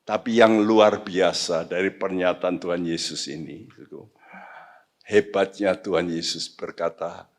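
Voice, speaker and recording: A male pastor preaching a sermon, swinging from quiet low asides to sudden loud high outbursts, slipping in English phrases. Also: fairly even intonation. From Indonesia. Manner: slow, deliberate, mixes in English phrases. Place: church sanctuary.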